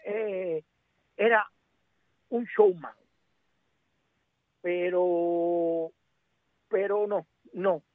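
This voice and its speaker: Extremely slow and pausing often, a Cuban man with a high-pitched, steady voice talks sports casually as a guest commentator, emphatic and prone to repeating words. There's no room sound, and his voice comes through a narrow radio or phone-like line.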